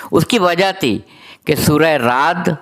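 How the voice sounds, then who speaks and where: A man delivering a religious sermon, reciting long lists of titles in a steady rhythm and explaining Arabic terms to his listeners. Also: a little high. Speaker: religious speaker.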